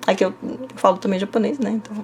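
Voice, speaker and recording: Her voice is mid-range and a little mellow, with fairly even intonation and a racing pace, plus a bit of hiss or hum on the recording. A young Brazilian Korean teacher from the São Paulo interior, she responds casually to comments, full of fillers like "né?" and "tá?" and light laughter.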